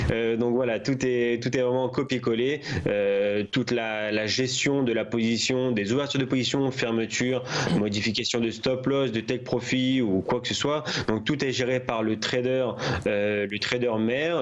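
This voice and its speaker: A man's voice: medium pitch, highs cut off. A man speaking as a guest over a remote duplex link that sounds like a delayed satellite phone, talking hesitantly with many fillers and restarts. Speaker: guest account manager. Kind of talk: live TV business interview.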